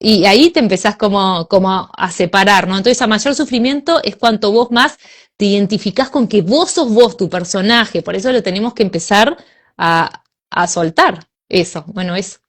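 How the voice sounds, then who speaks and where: Animated rioplatense woman, voicing inner thoughts. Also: medium pitch, normal speed. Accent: Rioplatense Spanish. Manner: animated, acts out inner voices with sighs. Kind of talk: casual spiritual conversation.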